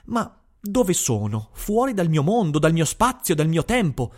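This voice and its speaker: A man's voice: a little high, sing-song, unhurried. A man voicing an anxious, disoriented middle-aged official in an audiobook. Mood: bewildered.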